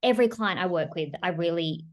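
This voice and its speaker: A woman's voice: fairly low pitch, a little fast. A woman hosting a relationship-coaching podcast, speaking in a gushing, openly emotional way and getting teary as she thanks her guest. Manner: warm, gushing, tearful at times.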